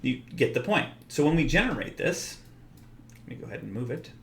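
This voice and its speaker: A man walking through a software tool in a relaxed tutorial, explaining step by step with frequent filler words. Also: mid-range voice, a little fast, a little hiss or hum. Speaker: software developer demonstrating his tool. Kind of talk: screen-recorded software tutorial. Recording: roomy echo.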